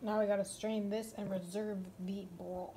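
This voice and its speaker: A woman's voice: mid-range voice, little pitch movement, normal speed, warm tone. A young woman chatting playfully as she cooks, rambling into silly asides about her food. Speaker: cooking vlogger. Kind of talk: casual cooking chat. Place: home kitchen. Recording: noisy kitchen with sizzling pan.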